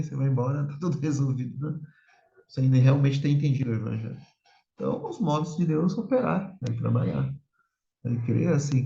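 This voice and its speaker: A man's voice: medium pitch, dark tone. A man teaching an informal church Bible class, conversational and often checking in with his listeners. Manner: conversational, tags sentences with questions. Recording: roomy, slightly dull sound.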